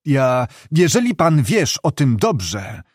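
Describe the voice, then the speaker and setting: A man's voice: medium pitch, big pitch swings, takes it slowly, breathy edge, no room sound, studio quality, full character voice. A man voicing an irritated, condescending older male director of a health resort. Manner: testy, condescending.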